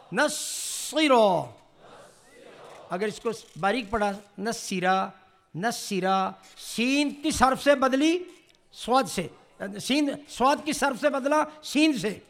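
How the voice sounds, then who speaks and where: In this tajweed lesson, a man whose voice has an extremely high pitch and a slight brightness coaches a group in reciting the Quran. He leads call-and-response drills, asks the students to echo him, and corrects their pronunciation as they go.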